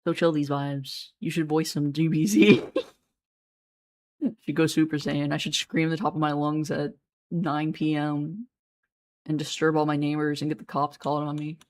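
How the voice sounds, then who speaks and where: A woman's voice: deep voice, level tone, moderate pace, a little mellow. A woman streaming a game, chatting in a playful, rambling way and laughing often. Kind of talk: casual game stream chat.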